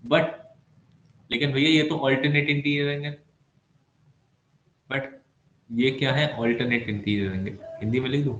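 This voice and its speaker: A man's voice: on the high side, steady tone, takes it slowly, pauses often, fairly bright tone, highs cut off. A man teaching maths in an online class, playful and chatty, teasing his students with asides. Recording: echoey room with faint background noise.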